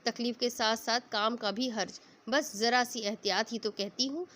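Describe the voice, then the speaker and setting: Woman narrator voicing a cheeky talkative girl, slightly high voice. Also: fairly even intonation, normal speed, a bit bright, lightly acted. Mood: playful. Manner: playful, bossy chatter. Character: lively teasing young girl, chatterbox.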